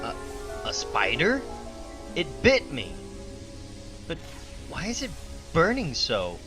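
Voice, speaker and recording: An actor playing an earnest, bookish teenage boy in a hammy, melodramatic comic-book reading, halting and full of breathless wonder. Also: on the high side, huge pitch swings, heavily acted. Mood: alarmed, dazed. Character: earnest bookish teenage boy, wounded, then awestruck by new powers. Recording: music bed behind the voice.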